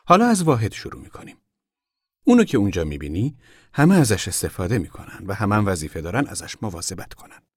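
A man's voice: on the low side, sing-song, no room sound, clean studio sound. A man voicing a proud, stout woman who chairs a camp committee, speaking formally and weightily as if her words were rehearsed. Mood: earnest.

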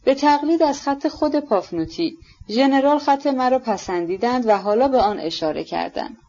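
A woman voicing a gentle young prince who explains things seriously, clearly and precisely, on a dull lo-fi recording. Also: sits high, expressive, pitched above the performer's own voice. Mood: earnest. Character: gentle, earnest young prince, meek man.

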